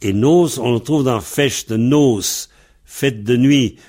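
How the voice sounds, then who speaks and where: With a medium pitch and a darkish tone, a Breton man teaches his language, deliberately spelling words one letter after another.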